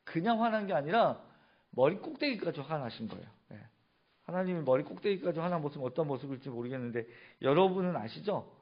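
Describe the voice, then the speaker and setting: A man's voice: on the high side, very animated, quick pace, muffled recording. A male pastor preaching a sermon, asking the congregation questions and answering them himself. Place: church sanctuary.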